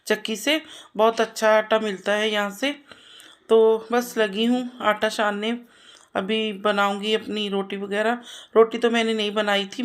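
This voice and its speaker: A woman in her thirties, a mother narrating her household chores in a homely, chatty voice-over, repeating herself often. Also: medium pitch. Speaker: vlogger and mother.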